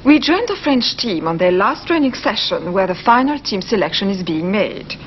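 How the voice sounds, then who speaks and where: A female presenter reads a measured documentary narration with a lively, varied pitch. The old broadcast sound is dull, with a faint hum behind her voice. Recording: muffled old broadcast recording.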